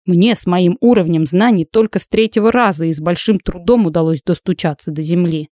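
A grumpy little dwarf mage who grumbles and complains about everything, read by a woman. The voice sits low and mellow, recorded close and dry. It belongs in a storybook fantasy. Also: fairly quick, no room sound, natural voice. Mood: grumbling. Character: grumpy bald male dwarf mage, gruff.

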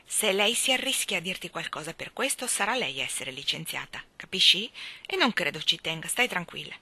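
A woman's voice: fairly low pitch, sing-song, brisk, pushed and bright, no room sound, full character voice. A woman voicing a sickly, spoiled rich boy in a read-aloud story, giving cold, clipped commands. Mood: imperious.

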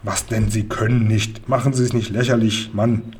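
A man's voice: lowish voice, little pitch movement, normal speed, a little mellow, natural voice. Officious grumbling village policeman, fussy and self-important, as a male reader puts him on, storybook audiobook.

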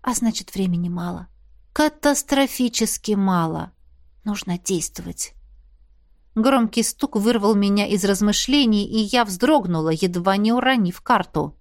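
A woman narrating a fantasy audiobook in the first person, in a measured, expressive storytelling way. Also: mid-range voice, no room sound, clean studio sound.

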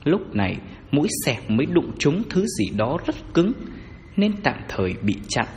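Sex: man. Role: storyteller. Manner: lively, dramatic. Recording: faint reverb, light hiss. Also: on the high side, normal speed. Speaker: narrator. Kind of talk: scripted audiobook narration.

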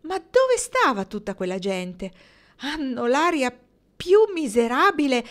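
Give me a woman putting on a shrill, overjoyed young woman, high and loud. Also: takes it slowly, heavily acted. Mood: overjoyed, shrieking. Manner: shrieking with excitement.

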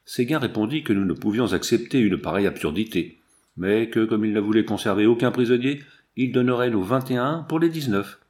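A man reading an adventure novel aloud in a measured, dramatic storytelling manner. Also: fairly low pitch, darkish tone. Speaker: audiobook reader. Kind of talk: audiobook narration.

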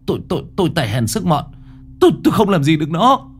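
A man's voice: a little high, big pitch swings, fast, pitched above the performer's own voice. A man voicing a crafty young male exorcist who stammers in fake panic.

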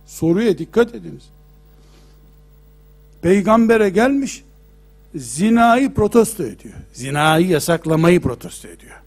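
A middle-aged man delivers a sermon-style lecture in a high voice. He speaks emphatically, asks rhetorical questions and retells old stories to make his point. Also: very animated, measured pace, pauses often, a little mellow. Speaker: preacher.

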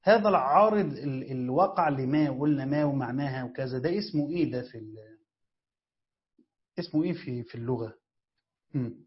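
Through a dull, lo-fi recording comes an Egyptian-accented man teaching Quran exegesis in class, working through grammar by posing questions to listeners and answering them himself. He's medium-pitched and expressive, talking a little fast with long pauses.

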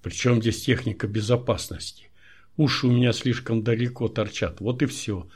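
A man's voice: medium pitch, steady tone, moderate pace, a little mellow, husky, lightly acted. A man reading a wry, short-tempered male laboratory chief in an audiobook.

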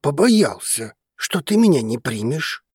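A woman voicing a passionate, devoted male dragon-alien lover, speaking low, slow and hushed as he pleads. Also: very animated, breathy edge, dry recording, clean studio sound, exaggerated voice. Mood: pleading. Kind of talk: audiobook character reading.

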